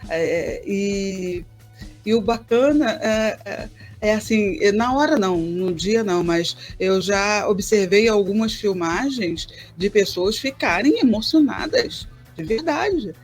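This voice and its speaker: A woman's voice: mid-range voice, lively intonation, slow pace, soft background music. A woman, a poet and teacher, answering interview questions thoughtfully and repeating words as she finds them.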